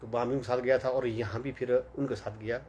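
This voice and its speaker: A young man with a lilt rambles through a personal story, with plenty of fillers and with each character's lines quoted. His voice sits at an ordinary middle pitch. A faint hiss of background noise sits under it. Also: flat delivery, quick pace, darkish tone. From Himachal Pradesh, India. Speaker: vlogger. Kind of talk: casual storytelling monologue.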